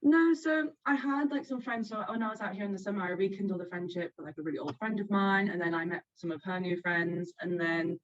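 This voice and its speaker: A woman's voice: mid-range voice, steady tone, a little fast, hardly any pauses. Young woman guest, giggly and chatty, slightly dull lo-fi recording. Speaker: podcast guest. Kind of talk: casual chat.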